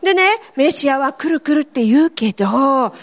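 A woman's voice: high voice, animated, moderate pace. A woman playing a gushing country pilgrim. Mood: chatty. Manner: gushing, squealing, chatty. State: out of breath. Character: excitable country woman pilgrim, chatty fan.

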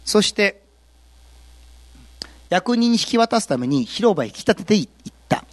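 Man preaching a sermon, very lively pitch, dry sound. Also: measured pace, no echo. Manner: animated storytelling, acts out quotes. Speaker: pastor.

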